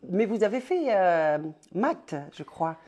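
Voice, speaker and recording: A woman interviewing a guest, asking questions haltingly with many fillers. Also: medium pitch, big pitch swings, a little mellow, slight background noise. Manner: hesitant, many fillers, friendly.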